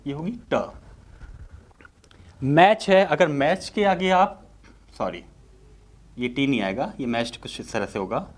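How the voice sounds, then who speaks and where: Hindi-accented male teacher, higher voice. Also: animated. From India. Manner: rhetorical questions answered himself, drawn-out sounds. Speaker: English teacher. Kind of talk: exam-prep lecture.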